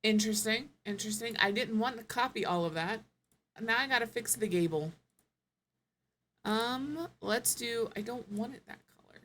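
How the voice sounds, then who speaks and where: A woman's voice: on the high side, normal speed, a bit bright, slight background noise. A woman streamer giving casual live gameplay commentary, thinking aloud, musing and correcting herself as she goes.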